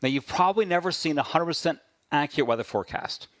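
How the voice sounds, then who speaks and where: A man talking shop as a podcast guest, wry and quick, often checking in with "right?". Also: fairly high pitch, expressive, a bit bright, dry recording, studio quality. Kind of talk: casual conversation.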